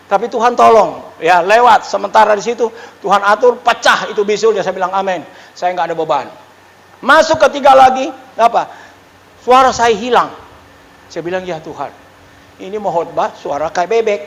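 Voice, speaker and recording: A middle-aged male pastor preaching a sermon and telling a personal testimony in an animated, exclamatory way, dropping suddenly into quiet asides. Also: high voice, vocal fry. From Indonesia. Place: church hall. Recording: reverberant church hall.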